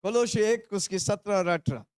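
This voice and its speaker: Recorded dry and close with a clean tone, an Indian preacher with a high voice speaks a little fast. He drives a call-and-response, pressing the congregation to repeat phrases back to him while shouting hallelujahs.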